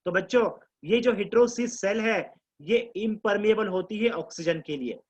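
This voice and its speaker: Slow, high-voiced Indian biology teacher. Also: male voice, muffled recording. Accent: Indian English mixed with Hindi. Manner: explains slowly, repeats key terms, quizzes students. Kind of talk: live online class lecture.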